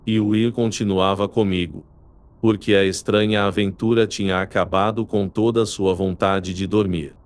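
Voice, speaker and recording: Using a fairly low-pitched voice, this male narrator reads scripted audiobook text with a steady, even storytelling pace.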